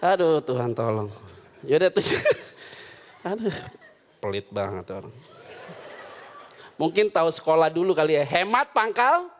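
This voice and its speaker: A man's voice: on the high side, a little slow, pauses often. A man preaching a sermon, telling comic stories and acting out the people in them. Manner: animated, joking, acts out voices in anecdotes. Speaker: pastor. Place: church.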